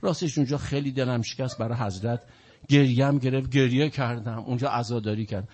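Earnest, husky pious scholar voiced by a male preacher, loud and emphatic. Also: medium pitch, fairly even intonation, natural voice.

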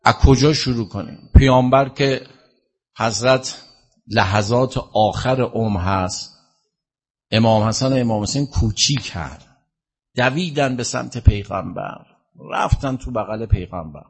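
A man as a religious eulogist, telling a mourning sermon in a lamenting, drawn-out way. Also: medium pitch, creaky, breathy edge. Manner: lamenting, drawn-out storytelling delivery.

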